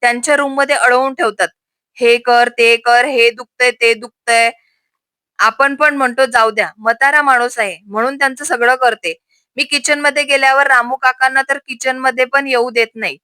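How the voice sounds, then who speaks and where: A woman's voice: sits high, steady tone, normal speed, pushed and bright, dry recording. A woman voicing a nervous young married woman who speaks hesitantly about trouble at home. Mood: troubled.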